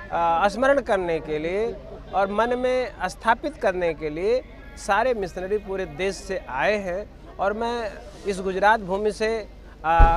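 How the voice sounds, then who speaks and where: A man giving a measured, formal statement to a reporter outdoors, pausing with fillers. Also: sits high. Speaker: interviewee, association general secretary.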